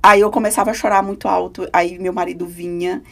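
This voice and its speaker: A woman's voice: fairly low pitch, flat delivery, fairly quick, gravelly. A woman, a podcast guest giving an earnest, emotional personal testimony.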